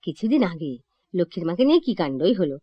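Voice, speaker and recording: Chatty, lively-voiced young woman actress in a monologue. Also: on the low side, fast, slightly rough, dry recording. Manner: chatty, lively, self-correcting, confiding to listeners. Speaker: actress in a solo stage monologue. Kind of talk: theatrical comic monologue. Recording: dull lo-fi old recording.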